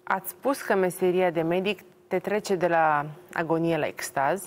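A woman TV interviewer reading out prepared quotes and questions in a measured, deliberate way. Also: on the low side. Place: TV studio.

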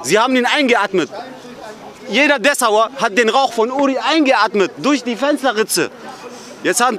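A man protesting outdoors at a memorial, shouting repeated accusing questions at an official in an angry street confrontation. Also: very high voice.

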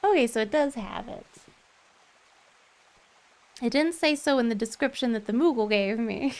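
A young adult woman with a voice on the high side giggles through casual chat with viewers as she streams gameplay, speaking at a moderate pace. Her boom-arm microphone is close up in an indoor streaming setup, and faint game music plays.

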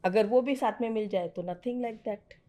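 A middle-aged woman whose voice is a little high, a little slow and dark in tone guides a student through trading. Her conversational teaching is firm and direct, with English phrases worked in.

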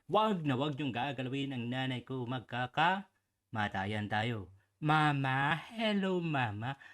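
A man's voice: mid-range voice, animated, takes it slowly, fairly bright tone. A man giving casual, teasing reaction commentary with sarcastic asides. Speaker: online commentator.

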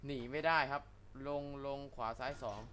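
A young man, a gaming YouTuber, doing excitable let's play commentary, with loud exclamations, crude slang and yelps at every hit. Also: mid-range voice, moderate pace, a little hiss or hum. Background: game music.

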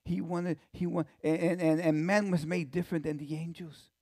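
Gravelly high-voiced man preaching. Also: fairly even intonation, moderate pace, dry recording, studio quality. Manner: preaching with swings from soft to shouted, many restarts. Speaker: pastor. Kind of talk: sermon. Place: church.

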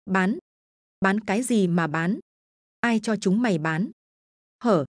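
A woman's voice: takes it slowly, dry recording, clean studio sound. A woman doing a fierce old grandmother. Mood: scolding. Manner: scolding, shrill rebukes. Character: angry stubborn old village grandmother.

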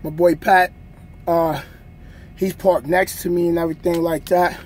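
A man in his thirties, a truck driver, chatting casually to viewers from his sleeper cab while showing a workout. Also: a little high. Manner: slow, relaxed talk to viewers, showing a bunk workout. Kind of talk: casual vlog chat. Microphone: phone camera on a stand nearby.

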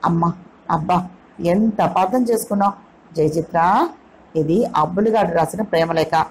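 A woman's voice: lowish voice, normal speed, darkish tone, a little hiss or hum, natural voice, low-quality recording. Female reader voicing a good-natured young male suitor, amused and easygoing, audio novel read. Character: young man, teasing and good-humored suitor.

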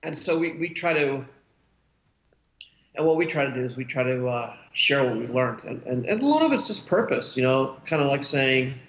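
A man's voice: medium pitch, animated, moderate pace, fairly bright tone. A man in his forties, a guest speaking casually over a webcam call from a room at home, rambling with many restarts and fillers. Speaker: cartoonist guest. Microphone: webcam video call. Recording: roomy, dull video-call audio.

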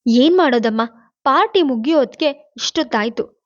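A woman voicing a proud young woman who answers with sharp, bitter retorts, in a storybook reading. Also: high-pitched, lively intonation, normal speed, voice pushed up. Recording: dull lo-fi, dry.

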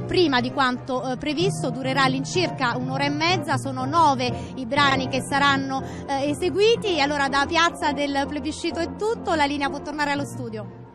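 A woman field reporter giving a live outdoor news report in a crowded city square, talking quickly and upbeat with frequent filler sounds. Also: high voice. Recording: outdoor broadcast with crowd noise.

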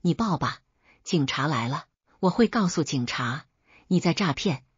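A woman's voice: expressive, a little slow, slightly rough, no room sound, highs cut off, full character voice. A woman voicing a coarse, domineering older mother-in-law who scolds and sneers. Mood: scolding. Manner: shrill, scolding, contemptuous.

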